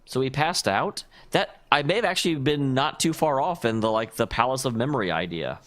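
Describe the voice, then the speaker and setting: A man's voice: mid-range voice, lively intonation, a little fast, a bit bright. A man hosting a let's play, giving casual, rambling gaming commentary with speculative and self-deprecating asides. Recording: faint game music behind.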